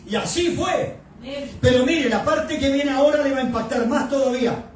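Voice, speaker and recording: A man, a pastor delivering a fervent evangelical sermon in a church, shouting key lines and asking the congregation questions. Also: very high voice, moderate pace, slight background noise. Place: church sanctuary. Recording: echoey hall, speaker far from mic.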